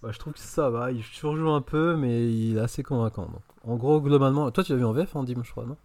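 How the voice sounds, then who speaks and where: A man's voice: medium pitch, fast, darkish tone, dry recording. Guy gushing about a film on a podcast, lots of euh, mid voice, dead dry room. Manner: enthusiastic, opinionated, hesitant with many fillers. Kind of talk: casual podcast chat.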